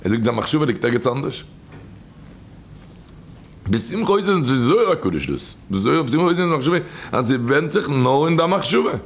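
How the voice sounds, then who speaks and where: A man preaches a storytelling sermon in a rough, gravelly voice of middling pitch. He repeats his key phrases again and again, leaning on them with emphatic swings up and down. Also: sing-song, normal speed, a little hiss or hum. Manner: repetitive, emphatic, with sudden rises and drops in pitch.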